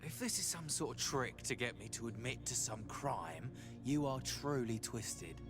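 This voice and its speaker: An actor playing a wry, sardonic jailed smuggler who bargains, in a video game. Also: male voice, medium pitch, expressive, normal speed, lightly acted. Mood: scornful. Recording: music behind the dialogue.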